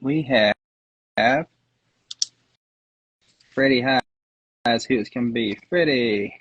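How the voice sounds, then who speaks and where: Husky-voiced man, dry close sound. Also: medium pitch, slow, a bit bright, dry recording, highs cut off. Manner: laughs often, swears casually. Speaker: livestream co-host. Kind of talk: casual livestream banter.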